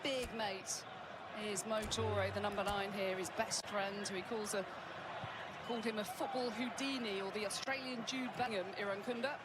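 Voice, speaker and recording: A woman's voice: mid-range voice, fairly even intonation. Woman calling football play-by-play. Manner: measured, informative, rising on attacks. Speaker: play-by-play commentator. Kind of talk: football match commentary. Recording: game audio under loud background noise.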